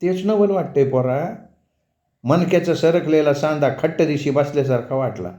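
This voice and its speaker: A man's voice: fairly high pitch, normal speed, warm tone, close to an everyday voice. A man voicing an elderly village woman, a mother who talks in rustic, scolding but fond village speech. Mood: amazed. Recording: dull, roomy recording.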